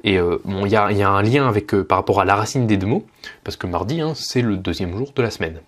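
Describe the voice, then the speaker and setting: Brief: male language teacher, lowish voice, relaxed at-home lesson, patient, drags out example words. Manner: patient, slows down to model Russian words. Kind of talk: casual spoken lesson.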